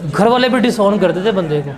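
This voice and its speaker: High-voiced blunt male teacher. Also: lively intonation, fairly quick, a crowd in the background. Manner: blunt, scolding, emphatic. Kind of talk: classroom lecture. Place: classroom.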